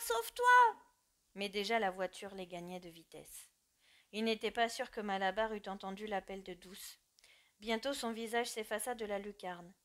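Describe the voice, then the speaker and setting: A woman narrating an audiobook. She reads at a measured pace and brings out the drama of the story. Her voice sits slightly high. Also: a bit bright.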